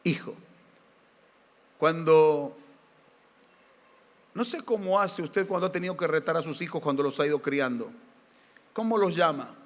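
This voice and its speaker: A man's voice: on the high side, measured pace, long pauses. A middle-aged man with an Argentine accent preaching a sermon, firing rhetorical questions at the congregation and telling folksy family anecdotes. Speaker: pastor. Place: church sanctuary during a live service. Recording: reverberant church hall.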